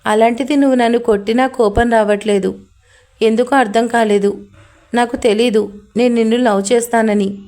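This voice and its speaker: This is a despairing young woman, drunk and close to tears, as a woman narrator puts her on. She pleads in a slurred, tearful way, her voice sitting a little high. It belongs to a spoken love story. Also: fairly even intonation, normal speed, warm tone, close to an everyday voice.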